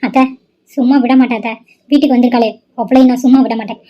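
A woman's voice: fairly high pitch, fairly even intonation, very fast. A woman voicing a bitter young woman who complains and schemes against a rival. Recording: dull lo-fi sound.

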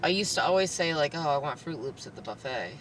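A woman in her thirties co-hosting a casual road-trip vlog, chatty with quick asides, speaking from a car's passenger seat. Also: deep voice, lively intonation. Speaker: vlog co-host. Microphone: phone camera held by the driver, off to the side. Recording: distant phone mic with clear road noise.

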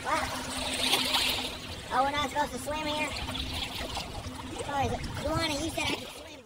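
In a comedic vlog, a man pretending to be a tour guide rambles to his phone camera, held at arm's length, and to people off camera. His voice is extremely high-pitched, fairly even in intonation, and a little slow. The noisy outdoor phone recording starts by a lake and then moves indoors to a truck cab.

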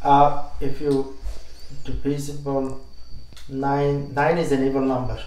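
A woman putting on a deep dopey boy student. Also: level tone, slow pace, mellow, roomy sound, low-quality recording. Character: dim-witted boy student, slow and confused.

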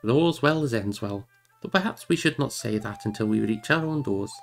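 A man reading aloud and voicing a gruff but kindly older male hobbit farmer with rustic speech. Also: fairly low pitch, expressive, normal speed, soft background music.

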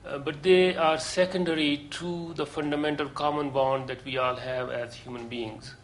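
A man giving a lecture to a seminar group, earnest and deliberate, pausing often with hesitations. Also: a little high, steady tone, a little hiss or hum, rough recording. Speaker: course lecturer.

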